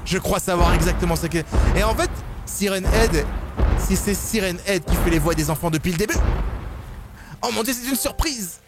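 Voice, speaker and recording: A young man commenting on a horror game he is playing, excitable and slangy, yelping and screaming when scared. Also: sits high, normal speed. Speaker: gaming YouTuber. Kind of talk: let's play commentary. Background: game music.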